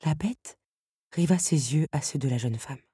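A woman narrating an audiobook in a calm, measured storytelling manner. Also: low-pitched, slightly rough, dry recording, clean studio sound. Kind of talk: scripted narration.

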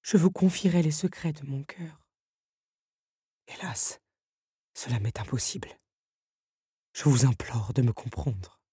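A woman's voice: moderate pace, warm tone, slightly rough, no echo, studio quality, full character voice. A woman voicing the Beast, a proud, bitter male creature, in an audiobook reading. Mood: broken. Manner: bitter, low and curt.

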